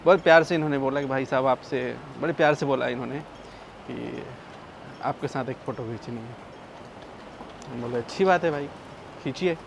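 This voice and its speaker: A man's voice: mid-range voice, a little fast, creaky, pauses often. A man filming a travel vlog, walking a busy outdoor street and making crude jokes about what he sees. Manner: crude joking street commentary. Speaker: travel vlogger. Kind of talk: casual walking vlog commentary. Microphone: handheld camera. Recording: street noise.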